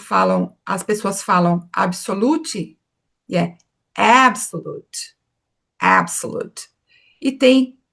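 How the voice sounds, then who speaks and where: A woman teaching an online English pronunciation lesson, modeling words slowly and carefully for her students to repeat. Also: mid-range voice, vocal fry.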